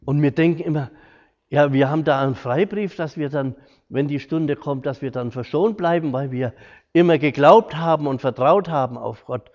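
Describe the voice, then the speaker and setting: A middle-aged man gives an informal lecture, earnest and homely, slipping into the voices of the people he quotes. His voice sits fairly high for a man. The recording is dull and lo-fi, with a long echo from a hall. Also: normal speed, a little mellow. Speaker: hospital carer giving a talk. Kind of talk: informal lecture with personal stories. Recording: echoey hall, dull lo-fi sound.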